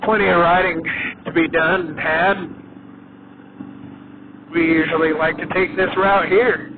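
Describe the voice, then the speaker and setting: Slow-talking man inside a motorcycle helmet. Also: a little high, level tone. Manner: halting, unhurried, pausing often. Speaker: motovlogger. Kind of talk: casual riding commentary. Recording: muffled inside helmet, motorcycle wind noise. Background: motorcycle engine and road wind, loud.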